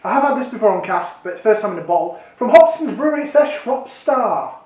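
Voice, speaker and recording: Man, jokey beer reviewer, high-pitched, sounds set back from the mic. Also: animated, quick pace, darkish tone, heavy reverb, far from the mic, poor audio. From Yorkshire, England. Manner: chatty, jokey, self-deprecating. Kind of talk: casual vlog review.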